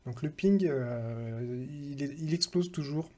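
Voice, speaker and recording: A man's voice: on the high side, takes it slowly, darkish tone. A man talking casually through a screen-recorded tech tutorial, thinking aloud and reading out numbers with hesitant fillers.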